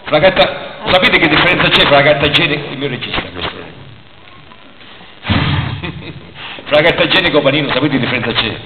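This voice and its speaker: In a reverberant hall with heavy noise, a man tells jokes in Sicilian dialect with a Sicilian accent. His delivery is halting and informal, with lively swings in pitch as he puts questions to his listeners. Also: narrow, tinny audio. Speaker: amateur joke teller and presenter. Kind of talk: stand-up joke telling in Sicilian dialect. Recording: echoey hall, loud noise, clicks.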